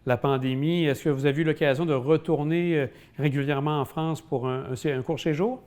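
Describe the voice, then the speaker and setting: Male host, slightly high voice, polite formal interviewer. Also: steady tone, brisk, a little mellow. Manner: polite, formal questioning with fillers. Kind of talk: interview questions.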